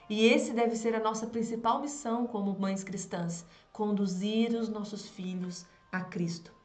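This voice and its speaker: Woman, Brazilian accent, 30s, parenting teacher, live class, acts out dialogue, echoey room. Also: medium pitch. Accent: Brazilian Portuguese. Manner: warm teaching tone, acts out child and mother dialogue.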